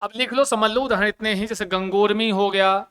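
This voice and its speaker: Male coaching-class teacher, bright crisp voice, lively question-and-answer lecture style with jokes. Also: high voice, a little fast. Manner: lively, asks questions and answers them himself; joking asides. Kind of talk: Hindi grammar lesson.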